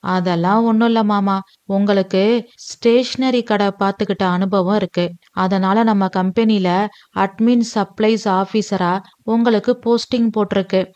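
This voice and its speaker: A woman voicing a kind, easygoing young husband who talks in a relaxed, friendly and reasoning way in an audio love story. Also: mid-range voice, unhurried, close to an everyday voice. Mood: explaining. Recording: dull, dry lo-fi recording.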